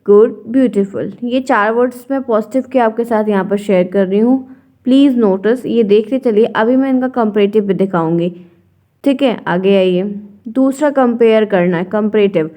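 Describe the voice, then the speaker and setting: Tired-voiced woman teaching slowly. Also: medium pitch, mellow. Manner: slow, patient explaining with frequent check-ins. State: tired, strained throat. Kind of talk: exam-prep lesson.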